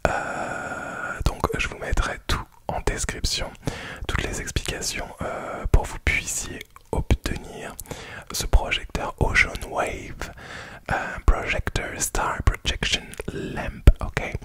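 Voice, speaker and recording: Guy whispering real quiet like it's night, casual asmr unboxing, kinda hesitant, takes his time. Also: takes it slowly. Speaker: ASMR YouTuber, product presenter.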